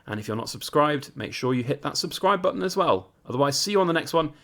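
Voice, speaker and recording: A man's voice: fairly high pitch, expressive, fast, fairly bright tone. A British man talking casually and informally as an enthusiast hosting his own collecting vlog. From United Kingdom. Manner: chatty, conversational, informal. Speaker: coin collector and video host.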